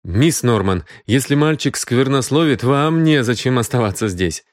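A stern, dry detective giving curt orders, read by a male narrator in his own voice. The delivery is close and dry, with lively pitch. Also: moderate pace, no echo, lightly acted.

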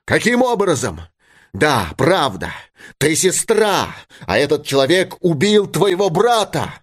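A man's voice: sits high, huge pitch swings, moderate pace, breathy edge, voice pushed up, full character voice. A man doing a stern commanding father. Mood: scolding. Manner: commanding, scolding.

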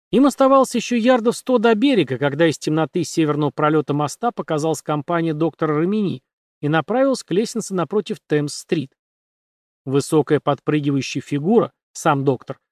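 Male audiobook narrator, measured delivery, slightly high voice, dry close-miked sound. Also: darkish tone, no echo. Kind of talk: scripted narration.

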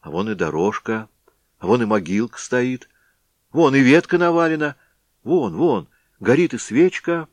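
A man's voice: medium pitch, animated, a little slow, dry recording, voice pushed up, close to an everyday voice. A man voicing a grumbling old village grandfather who digs for treasure, talking to himself in a storybook reading. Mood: eager.

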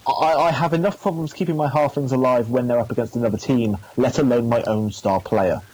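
A man's voice: medium pitch, fairly even intonation, fairly quick, darkish tone, no echo, low-quality recording. A man co-hosting a casual podcast who makes dry, teasing quips. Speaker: podcast co-host.

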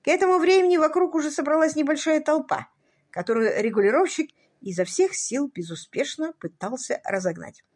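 A woman narrating a story aloud in an expressive reading style. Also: high voice, brisk. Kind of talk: audiobook narration.

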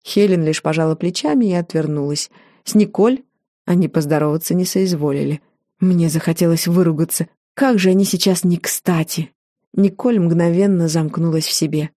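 A woman narrates a novel in the first person, measured and wry. Her tone is warm and mellow, recorded close and dry with no room sound. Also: fairly low pitch, dry recording. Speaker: audiobook reader.

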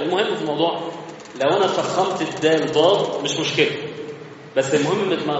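An Egyptian man with a fairly high voice gives a conversational religious lesson and explains each point step by step. His voice carries a long reverb from a large mosque hall. The recording is slightly muffled, with faint room noise underneath. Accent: Egyptian Arabic. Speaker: religious teacher.

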